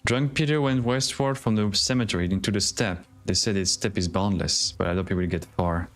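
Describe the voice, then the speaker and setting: Low-voiced man streaming a game. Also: fairly quick, faint music behind. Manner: casual, playful, reads game lines aloud with sudden excited jumps. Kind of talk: gaming livestream, reading dialogue aloud.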